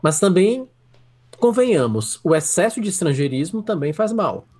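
A man co-hosts a casual podcast, telling stories with a joking, chuckling manner. His voice sits a touch high and moves freely up and down. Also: very animated, normal speed, a little mellow. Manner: jokey, storytelling, chuckling. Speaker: podcast co-host.

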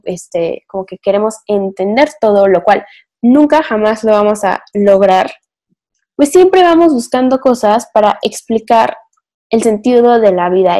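Warm and mid-range, this young woman's voice carries a casual philosophical ramble on the podcast she co-hosts. She works through ideas aloud, with plenty of filler words.

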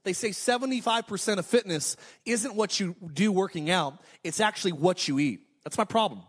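A man in his thirties delivers a sermon in a high, bright-edged voice. He preaches with energy, stacking repeated declarations and slipping in quick joking asides before driving his point home. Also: slightly rough. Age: 30s. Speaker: pastor.

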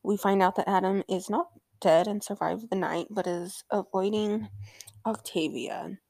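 A woman's voice: medium pitch, steady tone, a little slow, vocal fry, dark tone, no echo. A young woman hosting a casual TV episode recap, chatting loosely with swearing and frequent ums. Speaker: recap show host.

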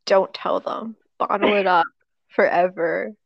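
Deadpan woman with a creaky voice. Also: mid-range voice, a little slow, no echo, highs cut off. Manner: deadpan, sarcastic. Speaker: podcast host. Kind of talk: casual chat.

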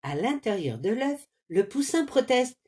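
Slow gentle woman narrating a cartoon. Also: fairly high pitch, very animated. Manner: gentle, measured storytelling. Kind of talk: scripted storybook narration.

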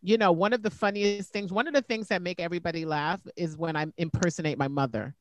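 A woman's voice: on the low side, fast talker, dry recording. A woman hosting a casual chat podcast, laughing along as she asks her guests questions. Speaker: podcast host.

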